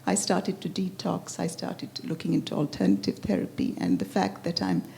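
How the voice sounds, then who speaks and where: A woman with a gravelly, low voice shares a personal reflection at a retreat. She speaks earnestly and haltingly, and her tone is dark and mellow. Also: big pitch swings. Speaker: retreat participant sharing.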